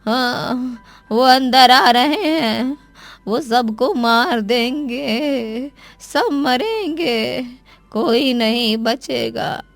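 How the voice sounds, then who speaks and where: A woman voicing a frightened old woman in a cartoon who mutters slow, trembling warnings of doom. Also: fairly high pitch, creaky, no echo, soft background music, pitched above the performer's own voice, full character voice. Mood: doom-laden.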